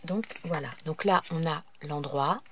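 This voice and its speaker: With a deep voice and a measured pace, a woman hosts a relaxed paper craft tutorial at her table, full of fillers, hesitations and self-corrections as she shows each step. The background is noisy.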